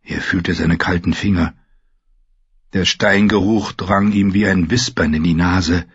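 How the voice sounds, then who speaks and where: A man narrating a fantasy audiobook with a husky voice, reading in a measured, grave manner. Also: low-pitched, fairly even intonation, no echo. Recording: dull lo-fi dry recording.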